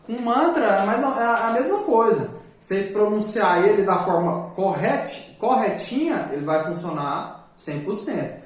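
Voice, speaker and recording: A chatty man teaches in a loose, joking way. His voice sits a little high for a man. He is picked up from a distance in a very echoey room. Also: expressive, a little slow. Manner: joking, chatty, repeats "né?" often. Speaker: magic course teacher. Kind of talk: casual live class talk.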